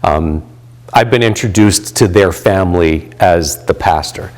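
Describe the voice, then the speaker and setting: A man in his late fifties with a deep, low voice talks through his volunteer ministry work. He speaks in a loose, rambling way, full of "um"s and restarted sentences. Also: a little slow, darkish tone. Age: 50s. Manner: rambling, many fillers and restarts. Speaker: volunteer chaplain and pastor. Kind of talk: reflective interview talk.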